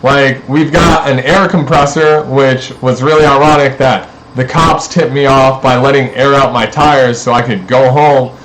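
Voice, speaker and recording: A man's voice: mid-range voice, steady tone, unhurried, few pauses, fairly bright tone, slight background noise, rough recording. A man in a rambling, profane, accusatory monologue aimed at his neighbors.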